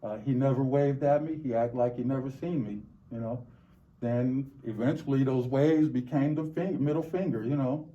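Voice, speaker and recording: A dull, slightly muffled recording of a middle-aged American man answering interview questions. His voice is very soft-edged and mellow. He speaks reflectively and haltingly, often repeating words as he searches for the next one. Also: medium pitch. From Los Angeles, United States. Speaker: interview guest.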